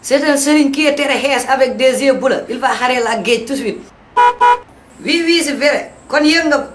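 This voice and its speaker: In a comedy cartoon, an actor with a Senegalese accent voices an excitable, loudmouthed schemer, boastful and exclamatory, scolding and switching between two languages. His voice sits high at normal speed, and the recording is roomy and echoing with background noise.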